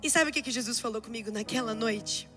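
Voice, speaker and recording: A woman's voice: on the high side, fast talker, music in the background. A Brazilian woman with a Brazilian accent, preaching a sermon with impassioned storytelling that builds to fervent exhortation. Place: church service.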